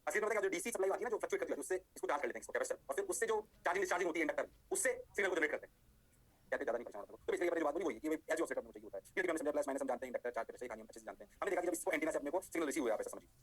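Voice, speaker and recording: A man teaching an energetic exam-prep lecture. He keeps checking whether students understood, mixes English technical phrases into his speech, and playfully mimics students' eager replies. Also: on the high side, racing, slightly rough.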